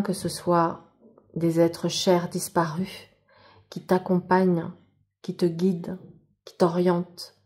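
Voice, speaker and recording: A woman's voice: on the low side, mellow. A woman giving a monthly tarot reading that she addresses straight to the viewer. She talks casually and spiritually, and often breaks into wonder at the cards. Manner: enthusiastic, spiritual, exclaims in wonder; casual, speaks directly to the viewer. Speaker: tarot card reader.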